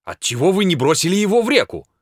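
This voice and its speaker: A man's voice: high-pitched, sing-song, fast, no echo, studio quality, voice pushed up. A man voicing a pale male investigator who questions reproachfully. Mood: indignant.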